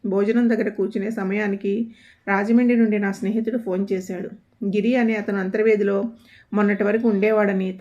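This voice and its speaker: A woman storyteller reading a family story aloud in a steady, somber scripted narration. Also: medium pitch. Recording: dull lo-fi audio.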